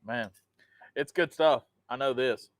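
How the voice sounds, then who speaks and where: A man with a Southern Mississippi accent co-hosts a cooking show, chatting casually in a laid-back drawl, laughing often and reading out viewer comments. His mid-range voice moves a little slowly, with a slight hiss or hum in the recording.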